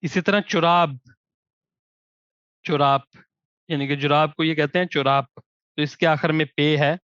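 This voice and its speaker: A man with a somewhat high voice teaches a grammar lesson and lingers on each example word before moving on. The recording is dry and close. It has a slightly dull, lo-fi tone. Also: steady tone, a bit bright, smooth, dry recording. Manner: slow, drawn-out example words between quick explanation. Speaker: language teacher. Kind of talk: explaining grammar with spoken examples.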